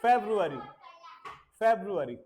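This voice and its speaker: Woman village schoolteacher, slow and deliberate, repeats words over and over, switches between Hindi and English. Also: medium pitch, animated, warm tone, poor audio. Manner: drills pronunciation by patient repetition; mixes English phrases into Hindi. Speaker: teacher. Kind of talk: classroom lesson.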